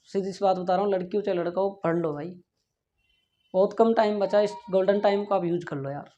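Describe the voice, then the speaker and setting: A man's voice: sits high, dark tone. A male physics teacher. He gives a classroom lecture and an earnest, pleading talk to his students, often asking if they follow and saying "yaar". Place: classroom with a board. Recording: dull lo-fi classroom recording.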